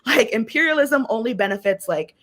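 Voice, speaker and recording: A woman author talking casually at a virtual book event, passionate and expressive, laughing often, heard over a video call. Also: a little high, fairly quick. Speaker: featured author.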